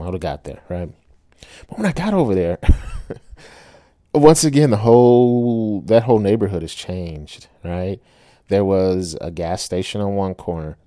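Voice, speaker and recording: A middle-aged man with a lowish voice who tells a personal story casually and chattily. He keeps checking in with a quick "right?" and laughs easily. The sound is dry and close, with no room around it. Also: mellow, no room sound. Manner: chatty, tags lines with "right?", laughs often.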